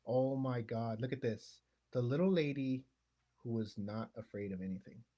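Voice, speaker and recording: A woman's voice: very deep voice, normal speed, dark tone, highs cut off. A woman podcast host with a Texan accent, chatting casually and nostalgically, laughing often. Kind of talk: casual chat.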